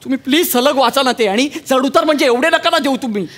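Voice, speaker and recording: A man's voice: very high voice, fast, a bit bright. An actor playing a nervous young man who fussily coaches a woman for an audition in a stage comedy sketch. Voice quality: fussy, exasperated scolding. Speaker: comic sketch character.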